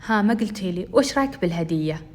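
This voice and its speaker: A man's voice: high voice, lively intonation, quick pace. A woman voicing a shy, polite teenage boy who admires a girl, in a storytime tale.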